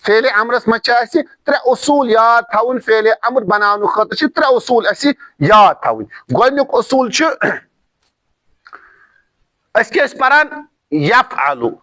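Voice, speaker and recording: A man teaches an Arabic lesson, repeating each form patiently and stressing his examples. His voice sits very high for a man and sounds bright and forceful. The recording is close and dry. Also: animated, no echo. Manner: slow, repetitive drilling of word forms, emphatic examples.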